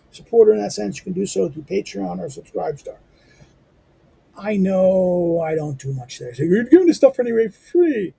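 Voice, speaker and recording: A hoarse man, a lecturer who also hosts a channel, closes out a reading lecture with an informal, rambling outro, tripping over fillers and restarting sentences. His voice is high for a man and squeaky, rough and gravelly at the edges yet dark and mellow in tone. The recording quality is low.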